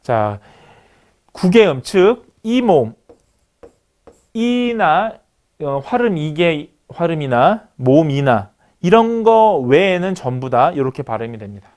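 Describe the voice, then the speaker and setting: Male lecturer, middle-aged, fairly high and animated; steady classroom explaining with frequent "so, yes" fillers. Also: slow. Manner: explains step by step, many "자" and "네" fillers; writes on screen while talking. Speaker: university lecturer. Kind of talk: recorded online lecture.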